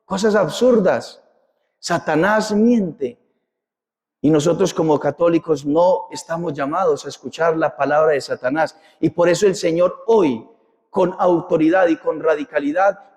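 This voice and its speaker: A man's voice: on the high side, measured pace, a little mellow. A man preaching a sermon as a parish priest, impassioned and repetitive, with rhetorical questions. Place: church. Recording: long church reverb.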